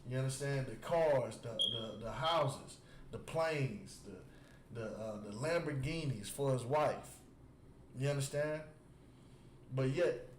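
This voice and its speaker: A man preaching to a group, repeating his words for emphasis and often asking whether they understand. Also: medium pitch. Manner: keeps asking "You understand?" after nearly every point; emphatic, repeats words while building a point. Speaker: religious teacher. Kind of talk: street preaching with call and response. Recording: echoey space with faint background noise.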